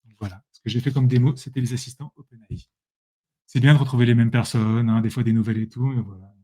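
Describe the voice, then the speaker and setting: Fast-talking and mellow, with a medium pitch and fairly even intonation, a male presenter leads a casual screen-share software tutorial. He speaks directly to viewers, chatty and self-correcting.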